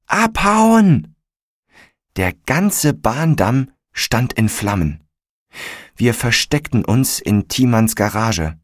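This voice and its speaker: A man narrating a story in a calm, measured audiobook style. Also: lowish voice, no echo, studio quality.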